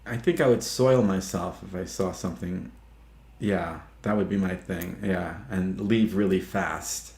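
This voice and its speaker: A man chatting casually, spinning animated anecdotes and slipping into the voices of the people in them. He laughs often as he talks. His voice carries a roomy echo. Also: sits low, a little slow, creaky. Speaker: actor guest. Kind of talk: casual storytelling chat.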